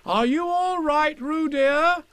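A man's voice: very high voice, takes it slowly, a bit bright, pitched above the performer's own voice, exaggerated voice. A man voicing an anxious mother kangaroo who calls out in a storybook. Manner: anxious, calling out.

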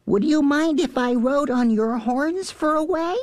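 Squeaky, breezy little storybook bug, very high. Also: male voice, a little slow, dry recording. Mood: cheerful. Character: cheerful little male bingle bug.

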